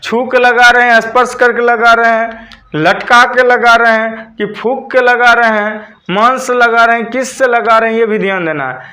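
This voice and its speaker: A man's voice: very high-pitched, steady tone, moderate pace, sharp tone. A man teaching a school physics lesson, dictating notes and repeating key terms back as questions for his students.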